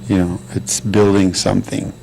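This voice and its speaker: A man, an actor and producer, talking in a relaxed, rambling way with lots of fillers at a crowded premiere. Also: low-pitched, moderate pace, gravelly, slight background noise, rough recording. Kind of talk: premiere interview.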